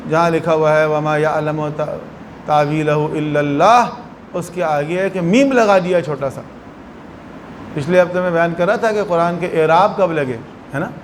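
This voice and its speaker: High-voiced Urdu-speaking religious scholar. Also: male voice, slight background noise. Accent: Pakistani Urdu. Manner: explanatory, acts out little anecdotes. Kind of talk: religious lecture.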